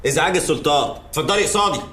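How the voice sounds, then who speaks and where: A man's voice: fairly high pitch, lively intonation, racing, fairly bright tone. A man playing a dry, stern police officer with an Egyptian accent.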